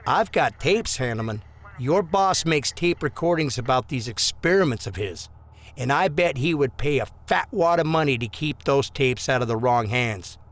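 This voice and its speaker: A man plays a corrupt small-town policeman in an audio drama, a smooth, bullying blackmailer who leans on people in a mock-friendly, insinuating, threatening way. His medium-pitched voice is fairly bright, with lively intonation, moderate pace and light acting.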